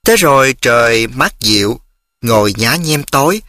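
Bright-voiced male storyteller, expressive reading, close dry recording. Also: a little slow, no echo. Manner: expressive, rising pitch on emotional phrases. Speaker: narrator. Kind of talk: scripted story narration.

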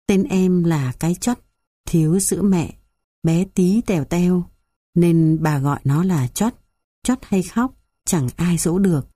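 A woman voicing an elderly male Buddhist monk recalling his childhood, speaking slowly and gently. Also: on the low side, husky, dry recording, clean studio sound. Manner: slow, gentle storytelling.

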